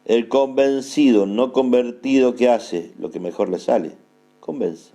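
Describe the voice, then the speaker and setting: A man preaching a sermon in an Argentine accent, emphatic and repeating key phrases slowly for his listeners to note down. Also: mid-range voice, warm tone, faint music behind. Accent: Argentine Spanish. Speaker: apostle preaching.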